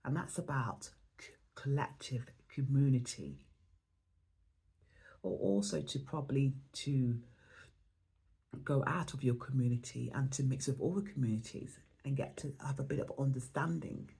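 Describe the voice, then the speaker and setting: Speaking at a normal speed in an extremely low, dark voice, this English woman rambles reflectively through an oracle card reading on her spiritual vlog. She sounds hoarse, as though her voice is giving out.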